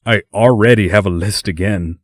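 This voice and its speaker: A man playing a playful young man in a storybook, teasing and upbeat, in a low voice close to the reader's own. The sound is dry and close. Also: moderate pace, dry recording, lightly acted.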